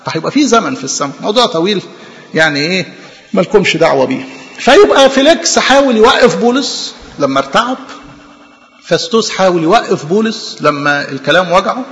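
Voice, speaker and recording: A man with an Egyptian Arabic accent preaching a sermon, animated, throwing rhetorical questions to the congregation. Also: sits high, quick pace, long reverb tail.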